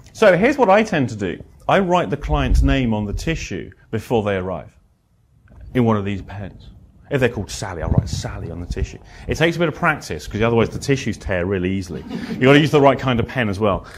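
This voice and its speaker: A man's voice: brisk, slight background noise. Blunt, wry man telling therapy anecdotes. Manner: blunt, wry storyteller who swears; animated, swinging pitch and loudness. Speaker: therapist giving a presentation. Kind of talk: lecture with anecdotes.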